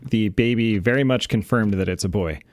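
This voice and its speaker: A man's voice: on the low side, a little fast, no echo, clean studio sound. A man in his forties co-hosting a casual podcast, chatty and laughing often while he tells stories. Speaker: co-host.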